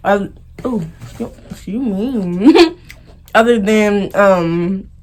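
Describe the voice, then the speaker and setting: A woman's voice: medium pitch, drawn-out words, a little mellow. A young American woman chatting casually and informally as she tells stories in a mukbang video, prone to giggling. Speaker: vlogger. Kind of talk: casual storytime chat during a mukbang.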